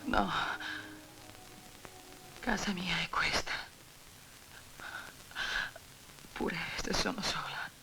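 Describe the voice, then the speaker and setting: An actress playing a frightened, furious young widow in a dubbed film drama, shouting in anguish and then trembling with tears. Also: female voice, sits high, big pitch swings, normal speed, soft background music, exaggerated voice. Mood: tearful. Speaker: widow of a murdered man.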